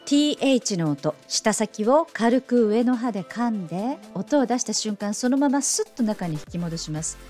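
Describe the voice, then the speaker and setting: 抑揚豊かな女性の英語教師. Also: female voice, normal speed, few pauses, faint music behind. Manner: playful, coaxing as if to children; animated, lively pitch. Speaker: English teacher. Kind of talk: pronunciation lesson.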